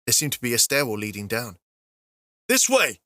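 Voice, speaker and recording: A male audiobook narrator reads an epic fantasy in a steady, even storytelling voice. His pitch sits in a middle range, and the recording is dry and close with no room sound. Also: quick pace, no echo.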